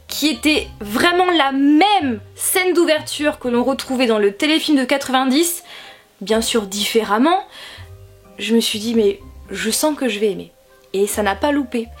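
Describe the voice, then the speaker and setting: A woman giving an emphatic, chatty video film review, her voice slightly nasal and congested from a sore throat. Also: sits high. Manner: emphatic, repeats words for stress.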